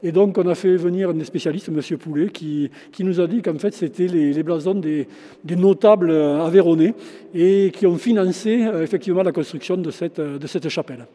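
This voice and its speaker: A warm, fairly high male voice, a little quick, belongs to a Frenchman in his sixties who runs a shop and studies local history. He speaks through a face mask into a handheld interviewer mic in a relaxed interview, full of fillers and false starts. The setting is a large former chapel whose stone walls give a long reverb.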